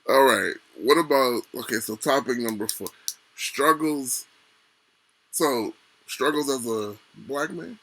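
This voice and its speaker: A man's voice: mid-range voice, takes it slowly, a bit bright, poor audio. A man co-hosting a podcast who talks in a laid-back, slangy way and laughs easily. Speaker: podcast co-host. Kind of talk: casual chat.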